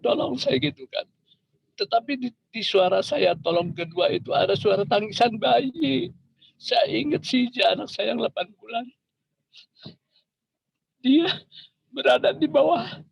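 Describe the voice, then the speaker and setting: A man with a somewhat high, gravelly voice tells a personal story in an earnest, emotional way. At tense moments his voice climbs and strains. He comes through dull video-call audio with a faint hiss behind him. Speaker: speaker sharing a personal testimony. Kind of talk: emotional first-person account.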